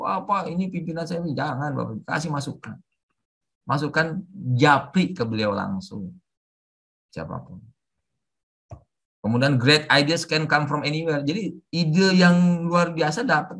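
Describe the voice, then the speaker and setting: A middle-aged man giving a webinar lecture with forceful, emphatic intonation, mixing in English terms. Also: mid-range voice, vocal fry, slightly rough. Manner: mixes English terms into talk. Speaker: civil service trainer. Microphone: online webinar audio.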